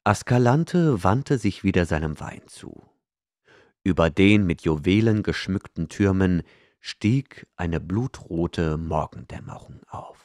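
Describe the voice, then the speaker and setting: A man narrating a fantasy audiobook in a measured, dramatic way. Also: deep voice, animated, darkish tone, no echo, studio quality. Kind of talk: scripted narration.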